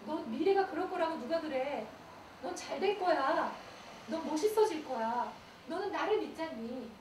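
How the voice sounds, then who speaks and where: A woman voicing a gentle male God who reassures a hurting child in a soft voice, recorded from far off in an echoey hall. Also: high voice, lively intonation, normal speed, a little hiss or hum, pitched above the performer's own voice. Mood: encouraging.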